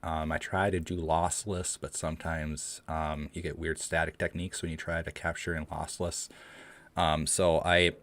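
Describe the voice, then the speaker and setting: In a casual livestream chat, a young streamer with a very deep yet slightly bright voice answers viewer questions at a moderate pace with a flat delivery. He rambles, restarts often and fills gaps with "um," his voice trembling from the cold, captured dry and echo-free on a home streaming mic.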